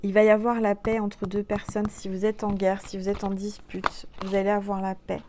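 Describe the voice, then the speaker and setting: A woman with a mid-pitched voice gives a casual tarot reading straight to her viewers. She is chatty and playful, full of exclamations, and she softens to a hushed voice whenever she calls on the cards. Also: slight background noise. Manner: drops to soft, hushed tones when calling on cards. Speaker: tarot card reader.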